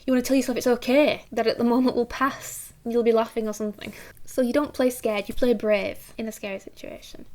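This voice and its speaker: A woman giving a casual acting lesson, chatty and quick to act out the lines she describes. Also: fairly high pitch, fairly even intonation, darkish tone. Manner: chatty, acts out quoted lines, uses filler 'like'. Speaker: acting teacher.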